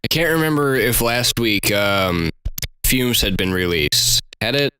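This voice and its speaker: A man's voice: on the low side, a little slow, sharp tone, a little hiss or hum, low-quality recording. A man in his twenties hosting a casual group podcast, laughing often and restarting his sentences. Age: 20s. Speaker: podcast host.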